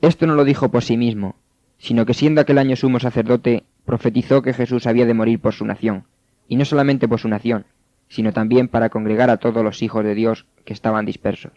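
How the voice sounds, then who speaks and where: A man narrating scripture in a steady, measured way. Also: mid-range voice, no echo. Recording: dull, dry studio sound.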